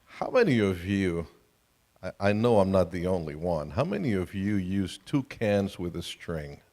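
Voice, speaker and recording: Man, low voice in a big hall. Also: expressive, a little slow, darkish tone. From Colombia. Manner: storytelling, self-deprecating humor. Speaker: family ministry speaker. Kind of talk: co-presenting a sermon talk. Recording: reverberant hall.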